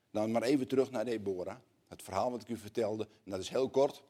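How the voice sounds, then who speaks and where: A man preaching a sermon, moving between quiet, slow, earnest passages and loud, rising appeals to the congregation. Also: fairly low pitch.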